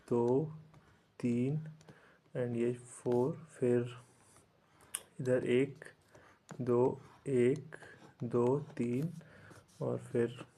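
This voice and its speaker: A man teaching an exam-prep geography lesson, speaking slowly and repeating terms so they can be memorized, mixing in English words and often saying "theek hai". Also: mid-range voice, mellow. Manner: repetitive drilling, frequent "theek hai" fillers; slow, deliberate recitation for memorizing.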